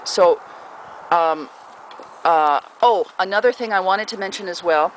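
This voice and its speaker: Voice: mid-range voice, unhurried. A pet owner casually giving puppy training advice at home, rambling with many fillers and often breaking off to talk to the pets. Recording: noisy home recording.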